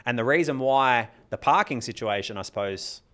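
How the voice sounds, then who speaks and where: A man's voice: mid-range voice, moderate pace, a bit bright, clean tone. A man co-hosting a casual podcast, talking in a rambling way, often breaking off his sentences and laughing. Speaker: podcast co-host and club organiser.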